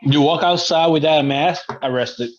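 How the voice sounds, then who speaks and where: Higher-voiced man with a thick accent. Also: moderate pace, muffled recording. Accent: noticeably thick accent. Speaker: podcast panelist. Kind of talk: casual joking banter.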